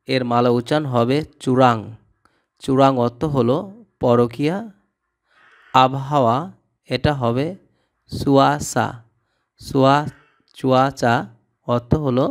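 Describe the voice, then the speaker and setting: A man teaching vocabulary, reading each word and its meaning and repeating it in a steady drill. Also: medium pitch. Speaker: language tutor. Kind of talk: scripted vocabulary lesson.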